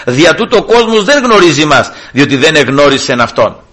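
A middle-aged man preaching a sermon, firing rhetorical questions and swinging between loud emphatic lines and hushed asides. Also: fairly high pitch, big pitch swings.

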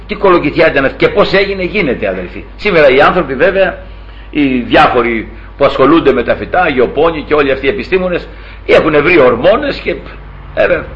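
A man preaching a sermon, telling a story with lively rises and quiet asides to his brothers. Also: mid-range voice. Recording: dull lo-fi recording.

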